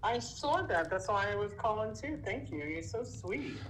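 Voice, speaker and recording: A woman calling in on speakerphone, speaking softly in short, casual replies. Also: medium pitch, lively intonation, normal speed, slight background noise. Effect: phone call on speakerphone. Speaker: caller. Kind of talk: casual phone call.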